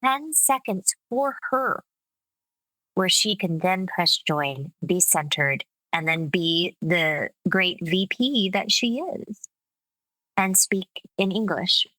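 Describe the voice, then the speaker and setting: Woman, speech coach, interview guest; unhurried, bright tone, measured and explanatory, dry close recording. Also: on the low side, lively intonation, no room sound, poor audio. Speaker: speech coach and accent specialist. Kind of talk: conversational interview.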